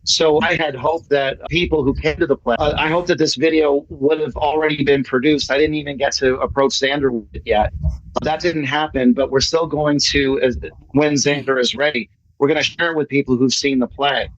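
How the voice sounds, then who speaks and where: An American playwright presents his play at an online meeting, chatting casually and enthusiastically with a jokey manner. His voice is a little high, with fairly even intonation and normal speed. The audio is muffled and lo-fi, with slight background noise.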